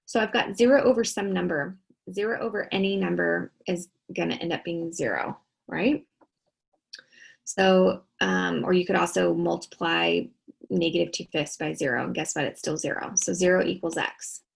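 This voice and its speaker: Gravelly tired woman teaching math. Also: on the low side, fairly even intonation, normal speed, low-quality recording. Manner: talks students through each step, asking and answering her own questions. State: tired, yawning. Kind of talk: recorded classroom lesson.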